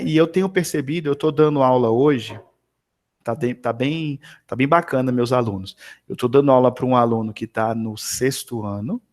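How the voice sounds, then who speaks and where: A man tutoring math one-on-one over a video call, chatting in an animated, storytelling way with many tag questions. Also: mid-range voice.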